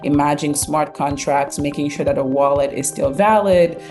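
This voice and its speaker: Low-voiced woman, measured interview guest. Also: darkish tone, soft background music. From Haiti. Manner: measured, with frequent um and uh fillers. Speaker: guest, fintech founder and CEO. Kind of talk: conversational interview answers.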